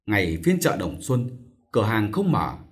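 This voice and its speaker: A man reading a novel aloud as an audiobook narrator, in expressive, measured storytelling. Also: lowish voice.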